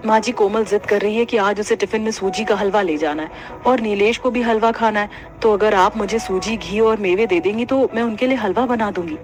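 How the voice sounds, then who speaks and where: Young daughter-in-law, patient, gentle, mid-pitched, cartoon voice, a woman doing her. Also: fairly quick, natural voice.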